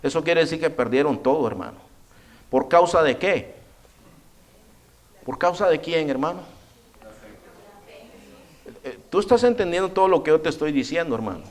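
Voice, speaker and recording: A man preaching a sermon in a church, animated, addressing listeners as brother and acting out biblical characters' voices. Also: fairly high pitch, normal speed, long pauses. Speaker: pastor.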